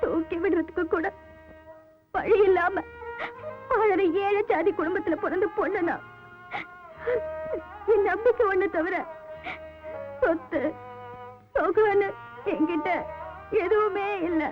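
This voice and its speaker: A woman's voice: very high voice, takes it slowly, long pauses. An actress playing a young, poor village woman who is a devoted and jealous lover, speaking with emotion and pleading. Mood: tearful. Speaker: film actress. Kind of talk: old film drama acting. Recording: tinny lo-fi old film soundtrack with music.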